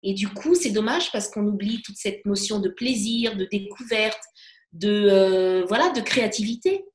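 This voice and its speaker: A woman's voice: mid-range voice, moderate pace. A woman guest coach talking casually and with energy, often restarting her phrases with fillers. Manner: animated, many restarts and fillers. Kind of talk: casual interview talk. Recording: echoey room.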